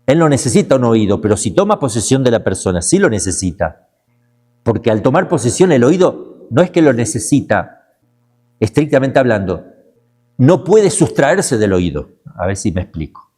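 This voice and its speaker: A man, a priest, teaching a class in a lively, emphatic way, repeating words and slipping into brief mocking voices. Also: mid-range voice, normal speed. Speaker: priest teaching a demonology course. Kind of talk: lecture class.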